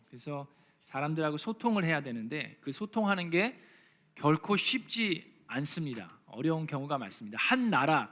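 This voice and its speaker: A man, a pastor from Gyeonggi in South Korea, reads scripture slowly and softly, then preaches a sermon in a church sanctuary with lively, joking asides. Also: on the high side.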